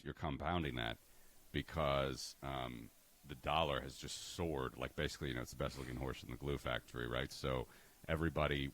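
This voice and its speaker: A man's voice: extremely low pitch, fairly bright tone. An American man co-hosting a podcast, talking in a casual, rambling way with many fillers and restarts. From United States. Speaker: podcast co-host. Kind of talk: casual chat.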